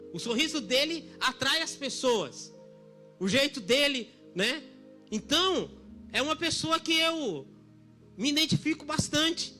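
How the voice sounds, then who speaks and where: A middle-aged man preaching a sermon at a church service, emphatic, dropping very soft for quoted lines. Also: extremely high pitch, expressive, a little slow, faint music behind. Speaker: pastor.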